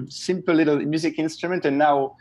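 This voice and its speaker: A man from Switzerland in his thirties, speaking in a somewhat raised voice. He sounds relaxed and enthusiastic as a guest on a video call, recorded through an earphone headset in a small home office. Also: on the high side, measured pace. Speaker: guest web developer. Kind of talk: casual video-call interview.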